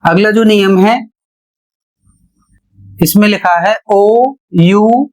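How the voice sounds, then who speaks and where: A male teacher giving a pronunciation lesson, spelling words out letter by letter and explaining each rule slowly. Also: sits high, a little mellow. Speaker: English teacher.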